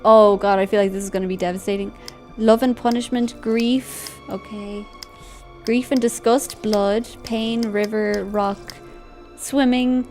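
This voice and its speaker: A woman streaming a game, who giggles often, squeals when excited and reads the on-screen text aloud. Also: medium pitch, measured pace, faint music behind. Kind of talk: casual gameplay commentary.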